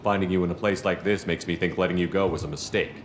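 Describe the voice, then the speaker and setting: A stern military commander, played by a man in a video game. His low voice is measured and matter-of-fact, ringing with long reverb over clearly noisy ambience. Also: fairly even intonation, natural voice.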